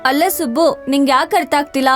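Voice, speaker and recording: Bossy, teasing young wife with a high voice, played by an actress. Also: female voice, fairly even intonation, a little fast, soft background music, natural voice. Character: strong-willed young wife who lectures her husband. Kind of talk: TV drama acting.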